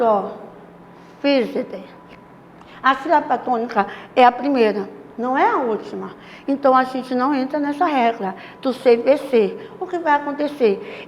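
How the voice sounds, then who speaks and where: A woman English teacher giving a recorded class, explaining patiently, speaking affectionately to her students and checking in often with tag questions. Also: high-pitched. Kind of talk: recorded online class lesson. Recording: echoey room with faint background noise.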